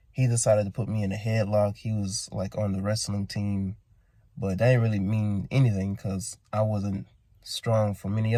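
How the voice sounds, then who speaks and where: A man's voice: lowish voice, dark tone, no echo. A man with a groggy morning voice telling a long story in a casual, rambling vlog, full of restarts and asides. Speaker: vlogger.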